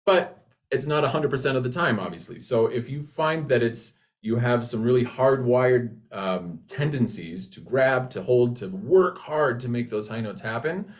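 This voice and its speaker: A man's voice: mid-range voice, expressive, normal speed. A man talking as a voice teacher in a conversational, reassuring way, often restarting his phrases as he explains. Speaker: voice teacher, co-presenter.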